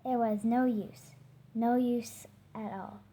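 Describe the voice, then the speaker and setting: A woman reading a children's picture book aloud, gently, now and then stumbling over hard words. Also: a little high, steady tone, slow pace, slight background noise. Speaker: storyteller.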